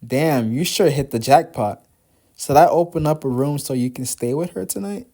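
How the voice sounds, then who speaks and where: A man voicing a loud, blunt woman in her thirties who teases everyone in a manga read-aloud. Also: a little high, normal speed. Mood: teasing.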